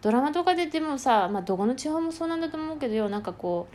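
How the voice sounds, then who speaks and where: Fast-talking woman. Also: high-pitched, expressive, a little mellow. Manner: rough, blunt, colloquial speech. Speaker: podcast host. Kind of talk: casual solo talk.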